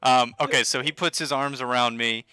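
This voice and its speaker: A man's voice: mid-range voice, fairly even intonation, normal speed, pushed and bright, smooth, no echo. A young man chatting casually as a player in a tabletop game. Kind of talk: casual game chat with bits of role-play.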